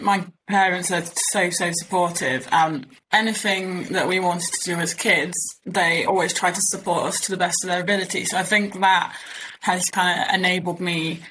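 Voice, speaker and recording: हँसमुख Yorkshire लहजे वाली युवा महिला. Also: female voice, mid-range voice, fairly bright tone, a little hiss or hum, rough recording. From East Yorkshire, England. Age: 20s. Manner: modest, laughs easily. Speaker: ocean rowing athlete, guest. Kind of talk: casual interview chat.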